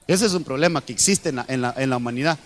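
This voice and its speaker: A Honduran pastor preaches a sermon at a quick pace in a medium-pitched voice. He repeats himself often and keeps addressing the congregation as "brother."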